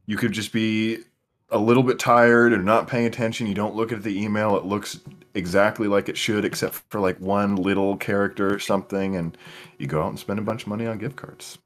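A man co-hosting a casual chat, explaining things calmly with deadpan asides. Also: on the low side, brisk. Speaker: podcast co-host.

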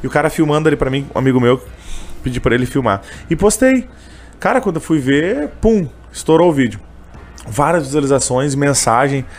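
A man's voice: fairly high pitch, sing-song, a little fast. A man telling a personal story in a casual interview, emotional and full of fillers. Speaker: interviewee, candy seller who sings on trains.

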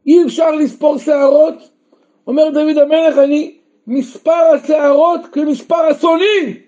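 With a very high, mellow voice and a flat delivery, a rabbi leads a group Torah lesson, asking questions only to answer them himself. Now and then he bursts out emphatically in a raised voice; the recording is dull and lo-fi.

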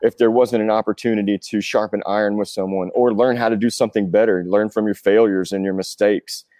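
Speaking briskly in a steady, dark, fairly low voice, a rock drummer in his forties who tours chats casually as an interview guest. He wanders through his personal reflections in an earnest way, captured in a dry, studio-quality recording.

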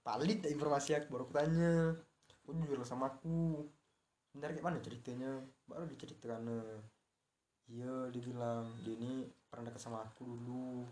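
A man's voice: medium pitch, steady tone, brisk, warm tone, a little hiss or hum. A young man casually telling a personal story on a podcast, acting out the messages he quotes. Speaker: podcast guest.

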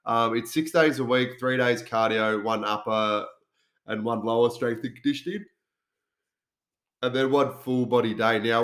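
A man's voice: medium pitch, fairly bright tone. An Australian man with a nasal voice, congested from a cold, explaining things informally as a podcast host and fitness coach. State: has a cold. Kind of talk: casual solo podcast talk.

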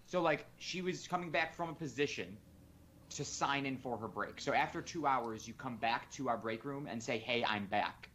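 A man's voice: mid-range voice, normal speed. A man co-hosting a podcast in casual chat, telling a work story with acted-out quotes and plenty of swearing. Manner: animated storyteller who swears freely and acts out quotes. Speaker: podcast co-host.

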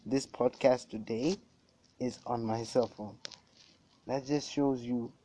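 Young Namibian man, mellow voice, noisy phone recording. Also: mid-range voice, fairly even intonation, slow. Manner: earnest, repeats phrases for emphasis. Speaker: podcast host. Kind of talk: casual religious podcast chat. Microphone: cell phone.

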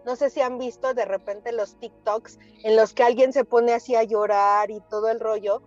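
A woman, a therapist guest chatting on a talk show and telling lively anecdotes that she acts out. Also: on the high side, moderate pace, highs cut off, soft background music. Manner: animated storyteller, acts out quotes. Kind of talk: casual talk show chat.

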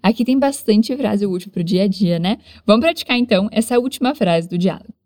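A woman teaching English in a lesson, modeling phrases slowly with exaggerated pronunciation for learners to repeat. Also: medium pitch, expressive, darkish tone, dry recording, clean studio sound. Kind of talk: language lesson with repeat-after-me drills.

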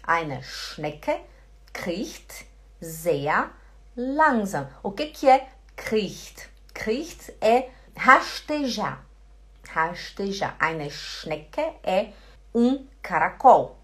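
A woman's voice: mid-range voice, very animated, a bit bright. A Portuguese-speaking woman teaching German pronunciation, repeating each word again and again. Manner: slow, repeats words many times. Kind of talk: pronunciation lesson.

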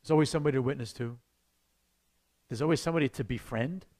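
A man, a pastor teaching an evangelism class to his church in a conversational way, breaking into sudden loud bursts. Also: medium pitch, quick pace.

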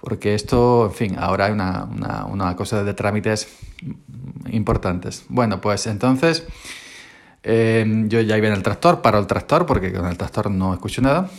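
A man's voice: on the low side, lively intonation, moderate pace, gravelly. A man from Spain hosting a podcast, recorded on his phone in his bedroom, telling a story in a rambling, wry way. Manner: rambling, wry, repeats himself. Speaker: podcast host. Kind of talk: casual storytelling monologue. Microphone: mobile phone.

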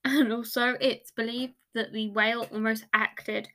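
A woman's voice: on the high side, little pitch movement, unhurried, bright, forceful tone. A woman hosting a casual true-crime podcast. She rambles loosely, corrects herself often and swears freely. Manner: loose and rambling, swears freely, laughs at her own reactions. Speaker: podcast host.

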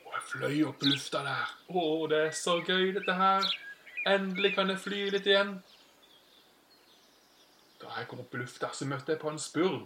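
A man's voice: a little high, pauses often, noisy background. Man telling a tall tale. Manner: rambling with self-corrections. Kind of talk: playful improvised storytelling. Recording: roomy echo.

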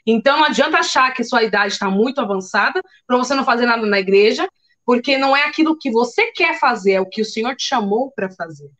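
Lively São woman guest, high voice, acts out her own lines, testimony chat. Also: quick pace. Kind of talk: casual chat, faith testimony.

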